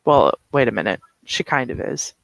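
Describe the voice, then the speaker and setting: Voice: mid-range voice, expressive, moderate pace, vocal fry, dry recording, voice pushed down, low-quality recording. A player voicing a flustered mother who rambles and keeps correcting herself. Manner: rambling, self-correcting, wry. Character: flustered mother, a woman, awkward and wry.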